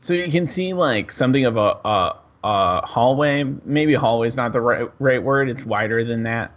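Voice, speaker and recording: A man's voice: mid-range voice, normal speed, fairly bright tone, lo-fi sound. A man running a tabletop game as game master, describing scenes in a loose, easygoing way.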